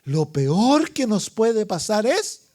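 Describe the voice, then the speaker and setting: High-voiced pastor guy preaching, super lively pitch, goes loud then whispery, keeps asking the church questions. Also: slow pace. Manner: dramatic, swinging from loud calls to hushed asides; asks the congregation questions, calling for amens. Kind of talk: evangelistic sermon.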